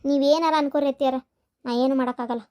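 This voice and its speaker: A woman voicing a meek young village daughter-in-law with a North Karnataka accent who talks in a soft, pleading way. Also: high-pitched, fairly even intonation, fast talker, voice pushed down, lightly acted. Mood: resigned. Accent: North Karnataka Kannada.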